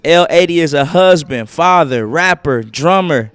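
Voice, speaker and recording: A man hosting a casual podcast interview live from a clothing store, hyped and quick to chime in. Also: on the high side, expressive, fairly bright tone, clean tone, no room sound. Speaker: podcast host.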